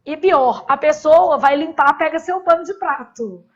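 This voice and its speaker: A woman's voice: high-pitched, a little slow, highs cut off. A woman teaching a grammar class in a casual, chatty way, with joking asides and constant "né?" tags.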